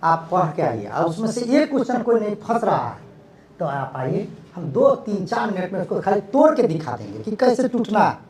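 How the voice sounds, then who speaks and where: Young male teacher, high voice, lively classroom lecture style, quizzes his students. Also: moderate pace. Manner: animated, rhetorical questions to students.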